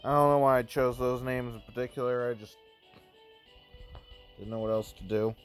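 A man's voice: medium pitch, steady tone, normal speed, faint music behind. Rambling man doing game commentary. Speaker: gaming let's play host. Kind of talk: casual let's play commentary. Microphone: phone recording.

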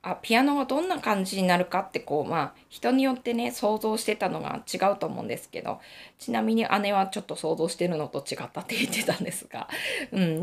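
A woman's voice: mid-range voice, gravelly. A middle-aged woman hosting a casual radio-style knitting talk, chatty and reflective, laughing often. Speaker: knitting channel host.

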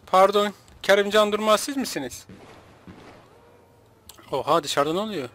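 High-voiced man joking through gameplay. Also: normal speed, a bit bright. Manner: playful and joking, laughs often. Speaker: gaming video host. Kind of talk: casual let's-play commentary.

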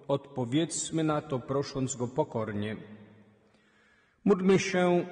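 A man, a priest reading the Gospel and leading the prayers at Mass in a steady liturgical way. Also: mid-range voice. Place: large church. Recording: long church reverb.

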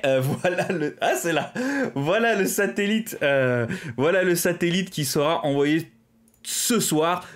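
A French man hosting a live stream, chatting casually with lots of fillers and small laughs at his own fumbles. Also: on the high side.

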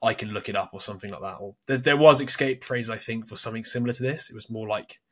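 A man's voice: medium pitch, fast talker. A man co-hosting a casual book-summary chat, thinking aloud with many restarts. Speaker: podcast co-host.

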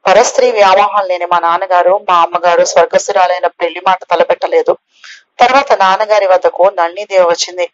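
A woman reading a novel aloud as an audiobook narrator, lifting her voice a little for the characters' lines. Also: fairly low pitch. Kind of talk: scripted narration of a novel, voicing all characters. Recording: slightly dull, lo-fi recording.

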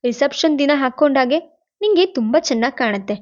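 A woman's voice: high voice, expressive, a little fast, a little mellow, pitched above the performer's own voice. A woman voicing an affectionate young husband who coaxes his wife. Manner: coaxing, affectionate. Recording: dull lo-fi recording.

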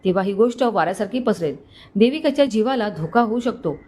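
A woman's voice: mid-range voice, lively intonation, fairly quick, dark tone, natural voice. A woman voicing a middle-aged male police commissioner who speaks firmly and with authority, in a storybook reading. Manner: firm, commanding.

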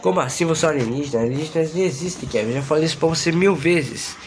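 A man's voice: fairly high pitch, rapid-fire, a little hiss or hum, lightly acted. A man voicing a stubborn father who answers in a blustery, disbelieving way. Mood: scolding.

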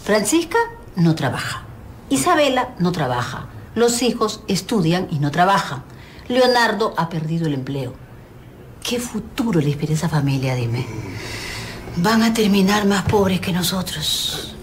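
A woman's voice: lowish voice, very animated, measured pace, a little hiss or hum. An actress playing a fretful older woman shopkeeper in a TV sitcom, lamenting her neighbors' troubles in a corner shop. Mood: worried. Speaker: shopkeeper worrying about rich neighbors. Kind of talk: television sitcom acting. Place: corner shop set, indoors.

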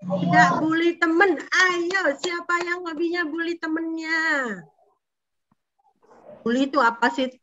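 A woman leading a children's Sunday school lesson, animated and coaxing, often asking the kids questions. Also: extremely high pitch, takes it slowly, long pauses, background noise. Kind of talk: lively sermon for children. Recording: dull lo-fi recording.

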